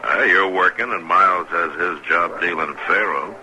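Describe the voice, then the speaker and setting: An actor playing a stern, steadfast frontier marshal, terse and authoritative, in an old radio western. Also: male voice, low-pitched, moderate pace, pushed and bright. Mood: firm. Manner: terse, plain-spoken, authoritative. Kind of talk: 1950s radio western acting. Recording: noisy old radio recording with clicks.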